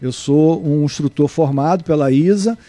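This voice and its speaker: Halting middle-aged Brazilian man, dark tone. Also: on the high side, no echo. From Brazil (born in Salvador, raised in Niterói). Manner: halting, with many restarts and fillers. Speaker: guest, amateur surfer and surf instructor. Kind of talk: casual interview answers. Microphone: remote mic, at first too far away.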